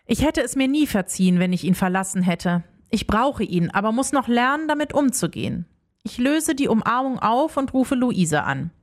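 A young woman narrating a first-person story in an expressive, emotional way. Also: on the high side, normal speed. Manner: expressive, emotional, acts out dialogue.

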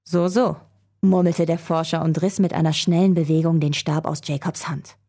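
A woman reading a children's adventure story aloud, telling it in a calm, even way. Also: deep voice, brisk.

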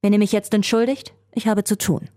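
A woman's voice: medium pitch, steady tone, brisk, mellow, pitched above the performer's own voice, lightly acted. A woman voicing a scheming male researcher villain who craves world power, speaking in a gloating, theatrical way.

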